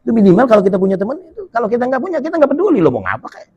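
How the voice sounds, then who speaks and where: A man's voice: very high voice, huge pitch swings, rapid-fire, a little mellow, muffled recording, slight background noise. A male preacher, giving a jokey, colloquial sermon at a mosque gathering after dawn prayer, reading and explaining Arabic text. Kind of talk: humorous sermon.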